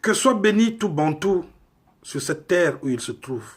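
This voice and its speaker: A male preacher from Congo speaks in an unhurried, deliberate cadence. His voice sits a little high and carries a husky, breathy edge. He presses his points with emphatic rhetorical questions. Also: animated. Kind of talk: sermon.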